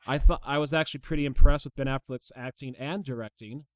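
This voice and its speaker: A man's voice: medium pitch, fast talker, dry recording, studio quality. A man hosting a casual movie review chat, asking eager questions and repeating words as he restarts.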